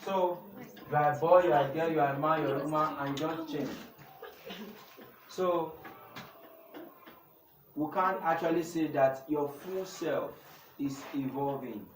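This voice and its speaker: A man's voice: on the high side, measured pace, pauses often. A young man with a Nigerian English accent, teaching a youth class and often asking the room to finish his sentences. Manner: call-and-response questioning. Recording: echoey room from far off, noisy.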